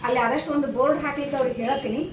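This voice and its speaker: A woman's voice: high voice, fairly even intonation, rapid-fire. A woman vlogger with a North Karnataka Kannada accent, chatting casually with a shop owner, asking prices and speaking directly to her viewers. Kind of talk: casual vlog chat and shop visit. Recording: echoey room, mic at a distance, faint noise.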